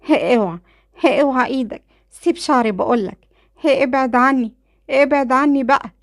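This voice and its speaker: A woman voicing a frightened young woman, Egyptian Arabic accent, crying out in a high, loud voice. The recording is close and dry, as in a storybook reading. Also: a little fast, no room sound. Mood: screaming, panicked. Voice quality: shrill pleading screams. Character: terrified young woman being abused.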